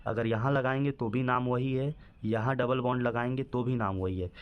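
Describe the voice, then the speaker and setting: A man's voice: medium pitch, fairly even intonation, normal speed, dull audio. Man teaching, quizzing the class himself. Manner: asks questions and answers them himself, repeats "ठीक है" often. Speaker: chemistry teacher. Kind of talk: classroom-style lesson explanation.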